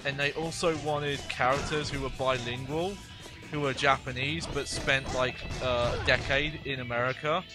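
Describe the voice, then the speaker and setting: A man giving casual video game commentary as a streamer, rambling in halting asides. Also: medium pitch, fairly even intonation. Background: game music.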